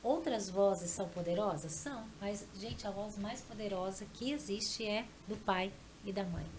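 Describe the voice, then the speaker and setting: A woman's voice: mid-range voice, darkish tone, a little hiss or hum. Woman host asking rhetorical questions. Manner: measured, asks rhetorical questions. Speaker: podcast host and pastor. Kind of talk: reflective teaching commentary.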